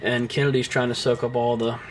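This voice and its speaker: A young man co-hosting a casual film podcast, his speech full of ums, restarts and offhand swearing. His voice sits at an ordinary pitch, with a faint hum of noise behind him. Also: level tone, a little fast. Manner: rambling, many fillers and restarts. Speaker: podcast co-host.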